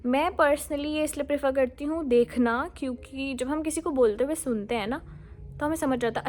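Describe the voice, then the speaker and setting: A woman's voice: fairly high pitch, a little mellow, a little hiss or hum. A woman giving casual, friendly exam-prep advice straight to viewers, mixing English words into her talk. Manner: mixes Hindi with English words, friendly and direct.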